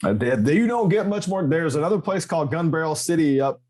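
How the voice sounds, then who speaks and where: Animated man telling stories. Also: fast talker. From Texas. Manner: animated, joking storyteller with emphatic pitch jumps. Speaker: podcast guest. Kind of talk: casual interview chat.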